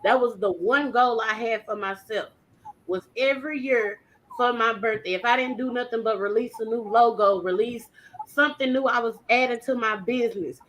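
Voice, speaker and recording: Bright-voiced woman in her thirties hosting. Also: a little high, moderate pace, rough recording. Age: 30s. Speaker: host. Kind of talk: casual panel chat.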